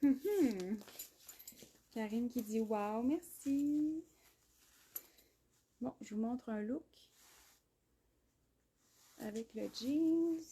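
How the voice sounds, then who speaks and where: A woman with a Québécois accent hosting a live clothing sale, chatty, full of fillers and quick laughs. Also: fairly high pitch, animated, warm tone, breathy edge. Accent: Québécois French. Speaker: clothing brand host. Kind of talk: live shopping stream. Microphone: phone.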